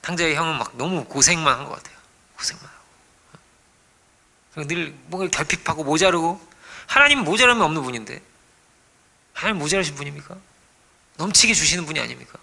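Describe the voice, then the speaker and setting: Male pastor, sermon, gravelly, very bright tone, whispers and exclaims, rhetorical questions. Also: fairly high pitch, animated, quick pace, long pauses. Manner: dramatic swings between hushed whispers and raised exclamations; asks the congregation rhetorical questions.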